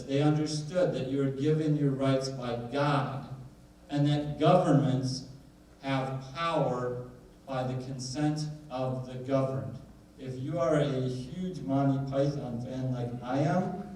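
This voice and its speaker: A man's voice: medium pitch, dark tone, a little hiss or hum. A man giving a conversational lecture to a live audience, questioning the crowd and joking as he goes. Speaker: attorney giving a presentation. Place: large hall. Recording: echoey hall, heard from a distance.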